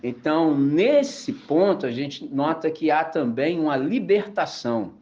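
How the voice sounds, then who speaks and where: A man from Brazil preaching a sermon and telling funny anecdotes in slangy, animated speech. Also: a little high, unhurried. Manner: animated storytelling, slangy and laughing. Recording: dull lo-fi recording.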